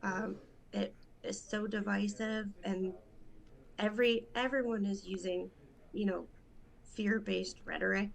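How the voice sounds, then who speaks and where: Speaking with vocal fry at a medium pitch and a steady tone, a Rochester, New York woman in her thirties discusses her judicial candidacy in a casual interview. She is earnest and detailed, with quick stretches.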